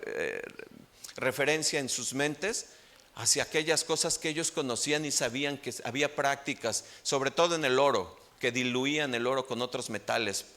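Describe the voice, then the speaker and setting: A Mexican pastor with a Mexican Spanish accent preaches a sermon emphatically, his pitch climbing on the key points. His male voice has a sharp tone.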